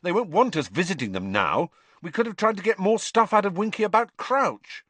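A man's voice: mid-range voice, huge pitch swings, a little fast, a bit bright, husky, no echo, pitched above the performer's own voice, full character voice. A man voicing a blunt teenage boy with a grumbling manner. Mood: annoyed.

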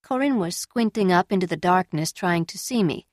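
A woman reading a novel aloud in steady, measured scripted narration. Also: fairly low pitch, dry recording, studio quality. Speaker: audiobook reader.

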